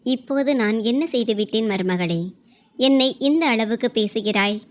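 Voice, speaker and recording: A woman's voice: a little high, moderate pace, natural voice. A woman doing a meek old mother-in-law. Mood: pleading. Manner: soft, pleading. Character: meek elderly mother-in-law, gentle and hurt.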